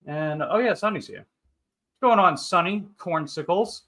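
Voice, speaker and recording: Chatting with viewers on a relaxed livestream, a thirty-year-old host reads their comments and responds in rambling, upbeat banter. He has a high voice with a fairly bright tone and talks at a normal speed.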